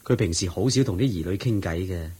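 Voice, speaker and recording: Playing a faithful male disciple in 1980s-style radio drama, an actor speaks with earnest respect and long explanations. His low voice is mellow and husky, and he talks fast.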